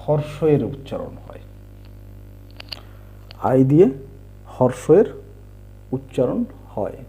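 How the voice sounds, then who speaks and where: A man teaching English sounds in a slow explanatory lesson, spelling out letters and patiently repeating each word. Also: a little high, sing-song, creaky, mellow. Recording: dull lo-fi recording.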